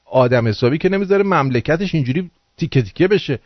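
Male radio host, angry crude rant, slightly high voice, dull lo-fi sound. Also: lively intonation, no room sound. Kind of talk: ranting political monologue.

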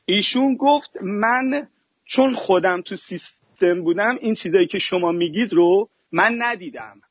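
A man's voice: high-pitched, husky, dry recording. A man from Iran calling in to a talk show, arguing hard and telling stories to make his point. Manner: argumentative, tells stories fast. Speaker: caller. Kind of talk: heated call-in chat. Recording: dull dry call-in audio.

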